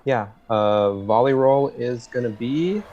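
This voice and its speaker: A man playing in a tabletop game, talking in a halting, dry-humored way. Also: mid-range voice, warm tone, muffled recording, slight background noise. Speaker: player. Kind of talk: casual tabletop play.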